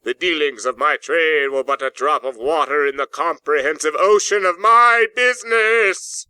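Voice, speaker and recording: A man voicing the remorseful, solemn ghost of a dead businessman in a storybook, declaiming with drawn-out, wailing words. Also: on the high side, pushed and bright, clean tone, no echo, voice pushed up. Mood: anguished, wailing. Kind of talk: dramatic audiobook character acting.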